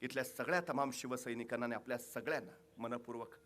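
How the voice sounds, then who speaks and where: A man's voice: medium pitch, fairly even intonation, fast, a bit bright, a little hiss or hum. A male public orator from Maharashtra gives a dramatic, impassioned storytelling speech. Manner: impassioned, declamatory.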